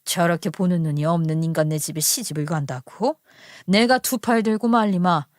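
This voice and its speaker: A woman's voice: fairly low pitch, moderate pace, no room sound, clean studio sound, voice pushed down, close to an everyday voice. A woman voicing a dignified, indignant older lady customer who speaks firmly, in a told story. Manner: indignant, firm.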